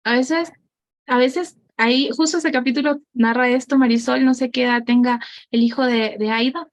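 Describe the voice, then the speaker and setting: A woman's voice: high voice, fairly even intonation, moderate pace. A woman facilitating an online group discussion on parenting over a video call, encouraging others to speak.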